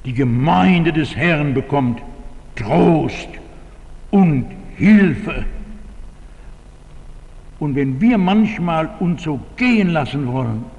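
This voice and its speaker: Older preacher, lively pitch, echoing church. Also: male voice, slow pace, creaky, long pauses. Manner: emphatic, repeats key phrases. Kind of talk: sermon.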